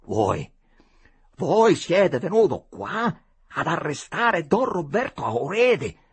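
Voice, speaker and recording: A man's voice: mid-range voice, wildly swooping pitch, measured pace, vocal fry, husky, dry recording, full character voice. A man reading a story aloud, voicing a blunt, loyal old veteran who asks insistent questions.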